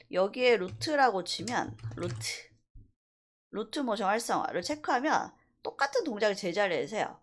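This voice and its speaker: In a screen-recorded software lesson, a female animation instructor explains things casually, drifting between polite and plain forms of speech. She speaks at a medium pitch.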